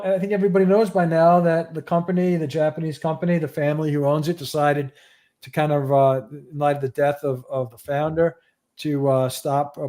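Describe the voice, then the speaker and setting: A man's voice: a little high, darkish tone. A man hosting a livestream show, giving audio news in a loose, rambling casual chat.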